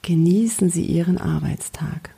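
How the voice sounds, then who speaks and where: Soothing, mellow woman guiding a relaxation. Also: fairly low pitch, gravelly, slightly rough. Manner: slow, soothing, gentle guiding delivery. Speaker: coach and podcast host. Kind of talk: guided relaxation meditation.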